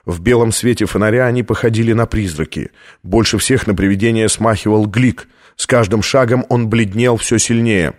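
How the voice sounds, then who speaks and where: A man's voice: fairly low pitch, normal speed. A man narrating an audiobook in a tense, dramatic reading. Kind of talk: scripted narration.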